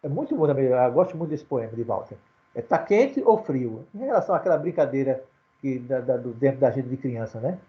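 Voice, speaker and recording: A man's voice: mid-range voice, expressive, quick pace. Hesitant man lecturing on poetry. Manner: hesitant, frequent restarts and filler sounds. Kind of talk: informal lecture with poetry recitation. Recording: dull lo-fi recording.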